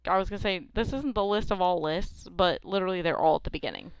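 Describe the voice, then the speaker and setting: Casting: playful woman podcast co-host, smooth clear voice, dry close sound. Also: on the low side, fast talker, dry recording. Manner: playful, quizzing, laughs often. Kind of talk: casual chat.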